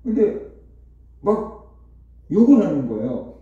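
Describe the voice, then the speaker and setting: A man preaching a conversational sermon as pastor, telling a story with rhetorical questions and lively repetition. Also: on the high side, takes it slowly. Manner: repetitive, animated retelling. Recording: echoey hall, distant dull mic.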